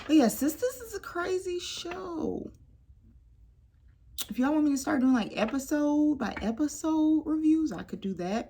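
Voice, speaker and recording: A woman casually reviewing a TV show, lively and expressive, dropping into stage whispers for asides. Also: sits high, a little hiss or hum. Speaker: YouTube TV reviewer.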